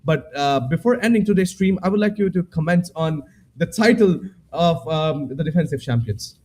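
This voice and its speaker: A man's voice: a little high, animated, moderate pace, darkish tone, poor audio. A man, casting an esports match, talking hesitantly with many fillers and restarts. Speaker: esports caster. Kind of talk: esports post-match analysis.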